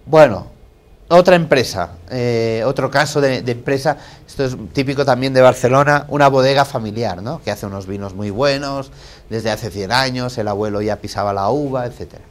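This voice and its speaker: A man giving a business lecture to a small audience. He keeps asking rhetorical questions and checking in with "¿de acuerdo?", and his phrases swing between loud and quiet. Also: medium pitch, moderate pace. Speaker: guest lecturer at a business talk.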